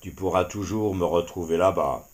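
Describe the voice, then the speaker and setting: A man voicing a huge, wise old male bison who speaks slowly and solemnly in a storybook. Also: lightly acted. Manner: slow, deep, solemn speech. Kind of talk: storybook character voice.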